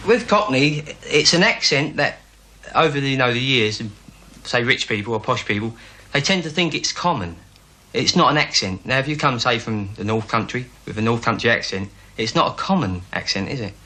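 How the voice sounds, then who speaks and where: Bright, thoughtful interviewee. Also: mid-range voice, animated, normal speed, hardly any pauses. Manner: thoughtful, conversational.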